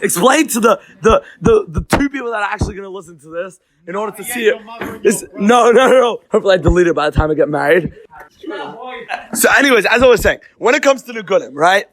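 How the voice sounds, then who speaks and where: A man's voice: sits high, animated, fast, fairly bright tone. A young man hosting a comedic podcast, rambling through a rant with restarts and sprinkled Yiddish and Hebrew terms. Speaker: podcast host.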